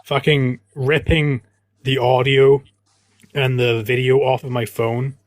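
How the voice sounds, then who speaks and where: A man's voice: mid-range voice, level tone, slow pace, no room sound. A man chatting as a guest on a livestream, often repeating words as he starts sentences. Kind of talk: casual livestream chat.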